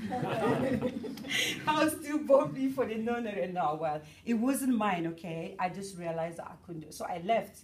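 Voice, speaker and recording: A bubbly middle-aged woman from Cameroon giving a lively talk at an event and chatting with the audience. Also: medium pitch, unhurried, recorded from a distance. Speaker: motivational speaker.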